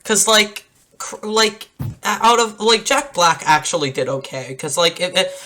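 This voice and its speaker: A young man with a bright, forceful voice hosts a casual chat podcast. His delivery is halting, with stammered starts as he works toward each point. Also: high-pitched, expressive. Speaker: podcast host.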